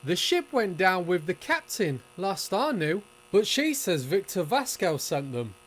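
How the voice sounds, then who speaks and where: Cartoon undertaker played by a male actor, male, slightly high voice, sardonic, grandiloquent, theatrical fan-dub delivery. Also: big pitch swings, a little slow, a bit bright, heavily acted. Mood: wry storytelling. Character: wry, grandiloquent male undertaker and bootlegging accomplice. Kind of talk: animated fan dub acting.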